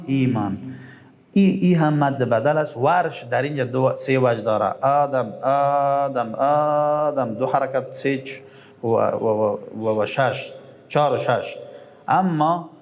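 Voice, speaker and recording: A middle-aged man with an Afghan Dari accent leads a Quran recitation lesson in a mid-pitched voice. He poses quick questions to his listeners and answers them himself. He lingers over each recited word, stretching it out slowly.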